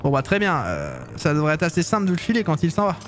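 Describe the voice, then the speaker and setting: A man's voice: a little high, huge pitch swings, soft background music. Yagami, a man voicing a polite private detective. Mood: businesslike. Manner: courteous, measured, a few slips. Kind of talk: fan dub of a game scene.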